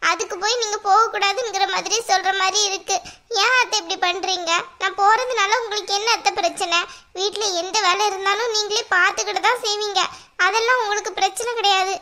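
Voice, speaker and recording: A woman voicing a meek, very high, bright daughter-in-law. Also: steady tone, a little fast. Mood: pleading. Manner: pleading, tearful. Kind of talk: cartoon voice acting.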